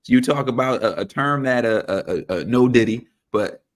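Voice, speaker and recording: A man co-hosting a sports talk show, relaxed and playful with slang. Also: medium pitch, moderate pace.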